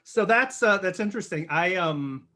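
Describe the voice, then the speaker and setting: Higher-voiced man hosting an interview. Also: lively intonation, bright, forceful tone. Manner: friendly, halting with restarts. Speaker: podcast host.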